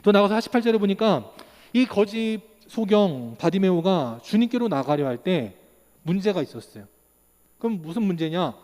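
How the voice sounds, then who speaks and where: Animated high-voiced pastor preaching in a hall. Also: male voice, moderate pace. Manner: animated preaching, acts out quotes, rhetorical questions. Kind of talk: sermon. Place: church sanctuary. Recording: long reverb of a church hall.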